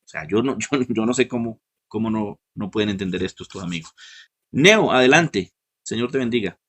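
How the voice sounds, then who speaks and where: A man hosting and moderating an online debate, speaking in a measured, questioning way and handing the floor to his guests. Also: lowish voice, lively intonation, fairly bright tone. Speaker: host and moderator.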